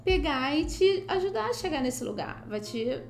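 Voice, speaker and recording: A woman hosting a podcast lesson, explaining English phrases in Portuguese and repeating each one slowly for learners. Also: sits high, sing-song, vocal fry, reverberant, faint music behind. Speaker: podcast host and English teacher.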